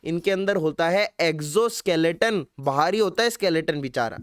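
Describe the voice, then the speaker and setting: A young male biology tutor with a Hindi accent, his voice pitched high and ringing clean and resonant. He drills his students by asking the same question again and again, and now and then slips a playful sung line into the lesson. The sound is dry and close, with no room echo. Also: normal speed, clean tone. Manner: quizzes students with repeated questions; drops in playful sung lines. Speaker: biology teacher. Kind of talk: online exam-prep lecture.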